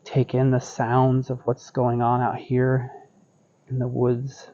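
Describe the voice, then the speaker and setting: A middle-aged man serenely guiding tai chi in short, hushed, unhurried cues with pauses, as an instructor. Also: mid-range voice, monotone, muffled recording. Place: outdoor wooden deck by trees.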